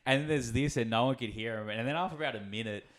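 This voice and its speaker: Talking fast in a medium-pitched voice, a male podcast host wanders from story to story in relaxed conversation, often laughing mid-sentence.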